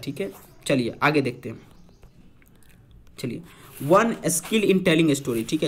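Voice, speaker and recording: A young man teaching English vocabulary for an exam, explaining patiently and quizzing his listeners with repeated questions. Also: on the high side. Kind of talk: vocabulary lesson.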